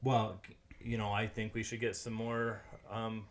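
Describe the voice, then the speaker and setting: A man's voice: fairly low pitch, little pitch movement, moderate pace. A man hosting a podcast, casually reading out facts with frequent hesitant ums. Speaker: podcast host.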